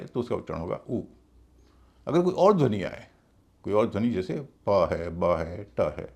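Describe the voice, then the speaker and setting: In a video lesson on English pronunciation, a man methodically spells out letters and repeats each word. His husky voice has a gravelly edge, a slightly mellow quality, and a pitch that moves around a lot.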